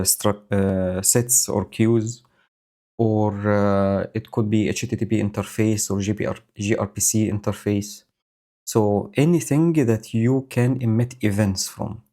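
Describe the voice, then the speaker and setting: A man live-codes while thinking aloud, speaking slowly in a low, dark voice full of fillers. The casual commentary comes through a new home audio setup with a noise gate.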